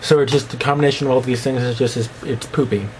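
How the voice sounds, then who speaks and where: This fast-talking vlogger, a young man with a slight lisp and fairly even intonation, rambles loosely to camera and hops between subjects. His middle-register voice sits over a faint hiss, and he mocks himself, sometimes putting on squeaky voices.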